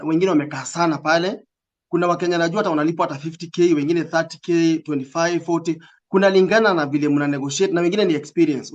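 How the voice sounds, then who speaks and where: A man's voice: on the high side, lo-fi sound. A man with a Kenyan accent giving interview answers in casual, code-switching talk, earnest and emphatic, repeating phrases for stress. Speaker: recruitment agency representative, interview guest.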